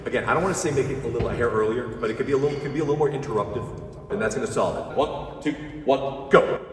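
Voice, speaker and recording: A man conducting an orchestra rehearsal who gives brisk, encouraging instructions, sings rhythms on "ba" syllables and counts the players in. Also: mid-range voice, soft background music. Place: large concert hall. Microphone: distant room mic. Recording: echoey concert hall from far off, orchestra behind.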